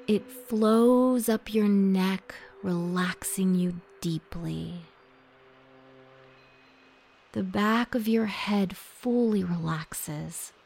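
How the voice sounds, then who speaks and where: A woman guiding a relaxation meditation in a soft, soothing voice that drops into a half-whisper. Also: medium pitch, slow pace, gravelly, few pauses. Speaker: meditation guide. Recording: soft music behind the voice.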